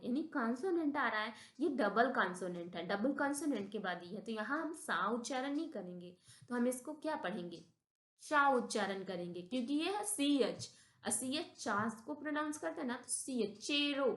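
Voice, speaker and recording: A woman's voice: on the high side, reverberant. A woman teacher with an Indian accent explains English word pronunciations, thinking aloud, correcting herself and asking rhetorical questions. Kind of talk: slow classroom-style explanation mixing Hindi and English.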